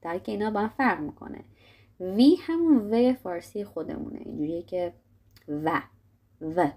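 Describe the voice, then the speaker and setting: A young woman teaching a casual video lesson, talking to viewers in a friendly way and sounding out letters slowly. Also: medium pitch, big pitch swings, warm tone, slightly rough. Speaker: English teacher.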